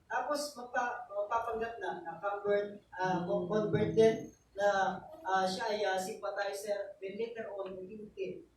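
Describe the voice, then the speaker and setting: A man's voice: high voice, steady tone, measured pace. A man preaching a sermon as pastor, telling a story in a mix of Tagalog and English and often asking "diba?". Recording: echoey, distant church recording with noise.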